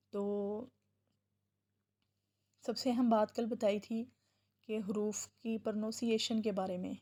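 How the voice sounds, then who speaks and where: Female tajweed teacher, mellow tone, patient explainer, models pronunciation slowly, frequent check-ins. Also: medium pitch. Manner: says "ٹھیک ہے" often as a check-in; chants Quranic verses slowly in a drawn-out recitation. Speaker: Quran recitation teacher. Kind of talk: tajweed lesson.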